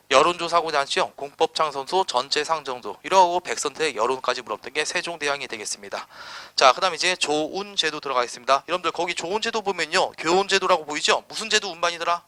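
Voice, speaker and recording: Male lecturer, slightly high and very bright, dry close-miked sound; blunt, slangy, quizzing style. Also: dry recording. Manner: quizzing students with rapid rhetorical questions, blunt slangy asides. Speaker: history lecturer. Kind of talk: exam-prep lecture.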